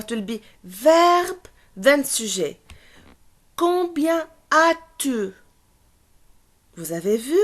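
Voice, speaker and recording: A female French teacher walks a class through a grammar point, moving back and forth between French and English and repeating the key words. Her voice sits high and her pace is unhurried and deliberate. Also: fairly bright tone.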